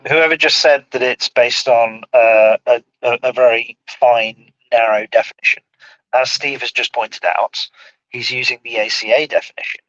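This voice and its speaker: A man's voice comes through a muffled, tinny phone line that sounds like it is inside a tin can. He talks at a middling pitch in a halting, casual way. The sound is dull and boxed-in. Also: steady tone, fairly bright tone, no echo. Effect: tinny phone audio that sounds like talking inside a tin can. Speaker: caller. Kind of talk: casual debate chat.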